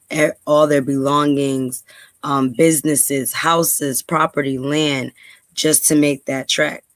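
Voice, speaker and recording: On a dry recording, a dry-voiced woman from New York with a bass voice hosts a podcast. She gives casual commentary and reads aloud conversationally, using frequent ums and speeding up whenever she emphasizes a point.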